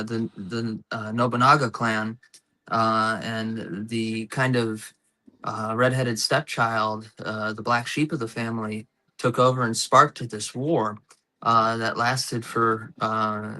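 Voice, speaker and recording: Bright-voiced man in his thirties hosting. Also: mid-range voice, flat delivery, slow. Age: 30s. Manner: eager, nerdy history digressions with many fillers. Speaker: host. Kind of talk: casual political talk show chat.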